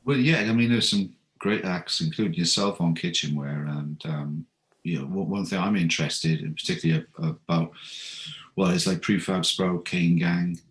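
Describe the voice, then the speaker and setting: Low voiced guy asking rambly interview questions, lots of ums. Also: moderate pace, low-quality recording. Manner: hesitant, searching for words with fillers.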